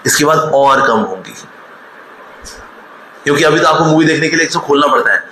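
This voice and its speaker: Expressive and a little fast, this forties-aged man's slightly high voice sounds pushed and bright. He scolds and mocks in a lively motivational talk, trading stories for rebukes and acting out quotes. A little hiss or hum sits beneath the echoey hall's faint ambience.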